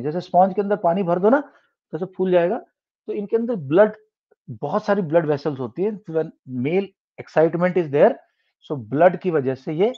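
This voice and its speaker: Indian tutor guy, kinda high voice, explaining stuff bit by bit, muffled lo-fi audio. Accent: Indian English. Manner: explains step by step, mixing Hindi and English, with many restarts. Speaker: science tutor. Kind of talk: classroom lecture. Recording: dull lo-fi sound.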